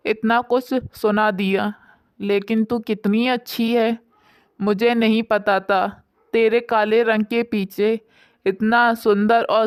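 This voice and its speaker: A woman's voice: mid-range voice, clean tone, dry recording, close to an everyday voice. A woman voicing a harsh, scolding older mother-in-law in a bedtime storybook. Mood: remorseful. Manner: contemptuous, later remorseful.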